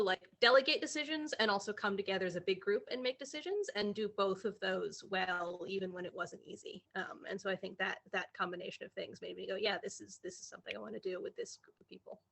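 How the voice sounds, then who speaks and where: Woman panelist with a creaky voice, speaking hesitantly and with many pauses. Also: medium pitch, a bit bright. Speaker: employee-owner. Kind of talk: panel discussion answers.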